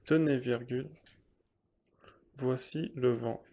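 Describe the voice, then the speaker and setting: Very slow, even-toned man dictating. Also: mid-range voice, creaky. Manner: dictating, deliberate and measured. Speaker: teacher reading a dictation. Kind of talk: dictation, reading slowly in short repeated phrases with punctuation spoken.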